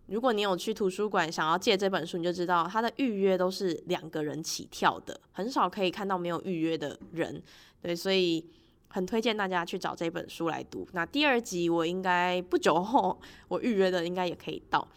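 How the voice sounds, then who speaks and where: A woman's voice: lowish voice, fairly quick. Chatty woman hosting a casual podcast. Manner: laughs often while talking. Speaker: podcast host. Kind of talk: casual personal podcast monologue, chatty book review.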